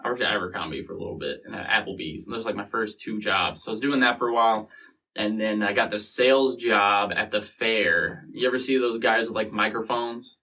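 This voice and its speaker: Bright-voiced man in his twenties, swearing casually. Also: fairly low pitch, a little fast. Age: 20s. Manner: profane, rambling storytelling, mimics other people. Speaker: interview guest. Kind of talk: casual storytelling interview. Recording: distant mic with faint noise.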